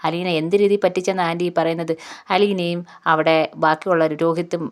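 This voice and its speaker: A woman's voice: on the low side, fairly even intonation, fairly quick, close to an everyday voice. A woman voicing an irritated young man who defends his fiancée against his aunt. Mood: annoyed. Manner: protesting, exasperated.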